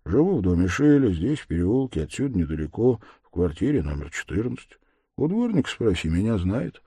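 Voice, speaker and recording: A man's voice: on the low side, brisk, slightly rough, dry recording, full character voice. A man reading an audiobook who voices a young former student speaking lazily and absent-mindedly. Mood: detached. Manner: flat, lazy, absent-minded. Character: young male former student, feverish and detached.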